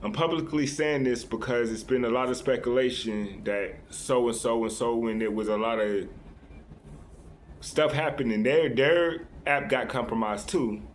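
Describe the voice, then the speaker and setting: A man with a mid-range voice speaks a little slowly over slight background noise. Addressing his viewers as a vlogger, he rambles through an earnest, unscripted monologue, restarting often and adding "right?" to many sentences.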